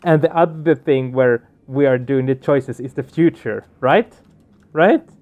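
Over game music, a man gives casual let's play commentary and reads aloud, puzzling things out by asking the same questions repeatedly. His medium-pitched voice is a little slow, and the audio sounds narrow and tinny.

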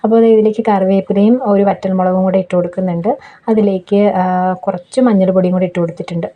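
A young woman narrates her home cooking in a quick, chatty voice-over, explaining every step and tossing in little tag questions to her viewers. Her voice sits at a middle pitch. The recording is dull and lo-fi, made outdoors. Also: fairly even intonation. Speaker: cooking vlogger.

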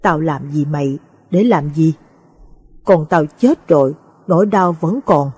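A heartbroken old man, voiced by a woman narrator, speaks with bitter, choked restraint. The voice sits low and carries a husky edge. It is storybook narration for a late-night audio tale. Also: a little slow, darkish tone, no room sound, clean studio sound. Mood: bitter grief. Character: grief-stricken old male exorcist, bitter.

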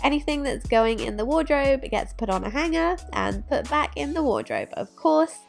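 Over soft background music, a young adult woman speaks at normal speed in a high-pitched, gravelly, very animated voice. As a lifestyle vlogger, she offers upbeat how-to narration while cleaning her bright indoor bedroom, blending tutorial voice-over with to-camera talk.

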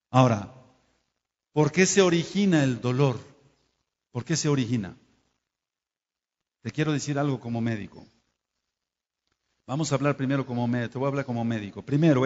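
A man preaching a Torah study sermon, scolding and speaking straight to his listeners, and stopping to spell out and explain Hebrew terms. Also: on the high side. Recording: dull lo-fi sound in a reverberant hall.

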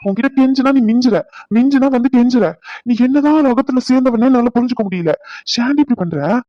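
A man's voice: sits high, fast, no echo, lo-fi sound, lightly acted. A man voicing a stressed young husband in a cartoon, scolding his wife in long rants. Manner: scolding rants, softening into comfort. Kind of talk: cartoon voice acting.

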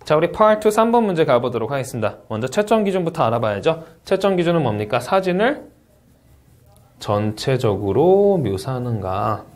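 A man teaching a test-prep lecture, asking rhetorical questions and carefully reading out English model answers. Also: medium pitch. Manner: lively teacherly delivery, frequent "자" and rhetorical questions. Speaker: TOEIC Speaking instructor. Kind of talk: exam review lecture.

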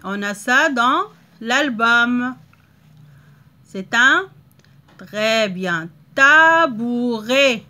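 High bright-voiced teacher, slow and clear. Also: female voice. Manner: slow, drawn-out word modeling with frequent checks. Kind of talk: reading lesson for young children.

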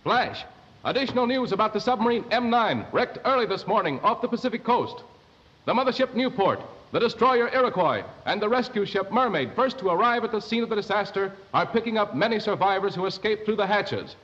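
An actor playing a male radio newsreader who gives a news flash in a crisp, formal way, heard over an AM radio set. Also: high-pitched, expressive, brisk, fairly bright tone. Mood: grave. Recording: dull 1930s film sound.

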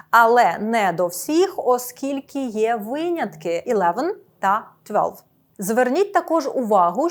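Clear-voiced woman teaching a lesson. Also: on the high side. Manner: clear instructive delivery, slowing on English examples. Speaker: English teacher. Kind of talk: scripted video lesson.

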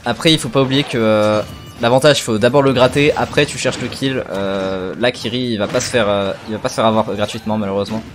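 A man's voice: fairly low pitch, steady tone, fast. A man giving casual, analytical esports caster commentary, thinking aloud and repeating phrases. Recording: faint music behind voice.

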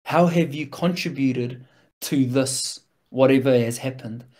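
A man's voice: mid-range voice, unhurried, a little mellow. A man with a broad New Zealand accent giving a reflective, casual motivational talk in an earnest, informal way, with slang and frequent check-in questions. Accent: broad New Zealand (Kiwi). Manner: earnest, informal, peppered with slang and rhetorical "right?".

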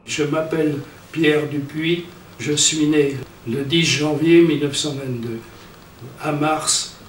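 An elderly man from France giving plain, unhurried documentary testimony, heard in an echoey hall from afar. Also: fairly high pitch, steady tone, far from the mic, a little hiss or hum. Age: older. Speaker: former resistance member giving testimony.

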